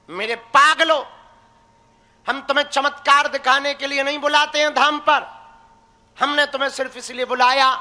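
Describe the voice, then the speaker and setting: High bright-voiced preacher in a hall. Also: male voice. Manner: teasing, blunt, addresses listeners directly. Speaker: spiritual preacher. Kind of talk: devotional sermon to a crowd.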